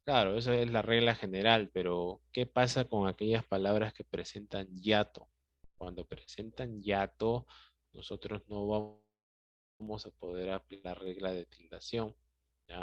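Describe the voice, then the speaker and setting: A man's voice: lowish voice, no room sound. A male teacher with a Peruvian Spanish accent patiently explaining a grammar lesson, often checking in with his students. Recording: dry, dull lo-fi sound.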